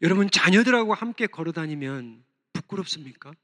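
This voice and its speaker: Pastor, male, high bright voice preaching with passion in a church hall with long reverb. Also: animated, a little fast. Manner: impassioned, voicing prayers aloud, rising and falling sharply. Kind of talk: sermon. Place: church sanctuary.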